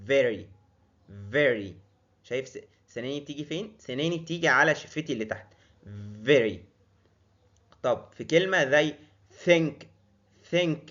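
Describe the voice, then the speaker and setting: A young man with an Egyptian Arabic accent teaching English pronunciation in a casual lesson, repeating drilled words slowly with many fillers and restarts. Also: on the high side, a bit bright, lo-fi sound.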